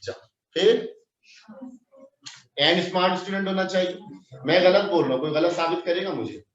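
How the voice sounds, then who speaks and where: With a high voice at normal speed, a male English teacher from Pakistan lectures on grammar, switching between Urdu and English phrases and firing questions at the class. The online recording is dull, roomy and distant.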